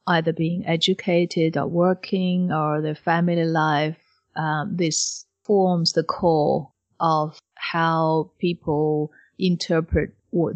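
Slow, measured woman explaining on a podcast. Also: sits low. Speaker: podcast co-host.

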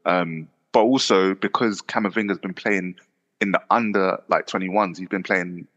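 A man's voice: sits low, fairly even intonation, normal speed, fairly bright tone, long reverb tail. A man co-hosting a podcast, chatting about football in a rambling way full of fillers. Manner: rambling, filler-heavy, laughs often. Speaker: podcast co-host. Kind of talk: casual football chat.

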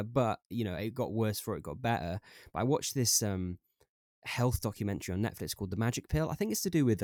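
A young man with a Welsh accent and a lowish voice talks openly about his own life on a podcast. He speaks reflectively, dotted with "like" fillers and stumbling restarts. The sound is dry and close. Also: no echo. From Wales. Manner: reflective and open, many "like" fillers, halting restarts. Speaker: podcast guest. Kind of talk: candid conversational storytelling.

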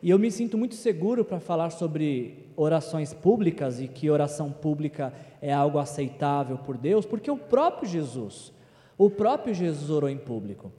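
A man with a high yet mellow voice delivers an animated sermon, slipping into the voices of the people he quotes. His words carry a long reverb from a large church hall. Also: moderate pace. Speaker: preacher.

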